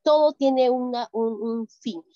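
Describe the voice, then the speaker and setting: A woman's voice: on the high side, slow pace, dark tone, dry recording, lo-fi sound. A woman student with a Peruvian Spanish accent answering in class, earnestly listing her points at length. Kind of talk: class participation.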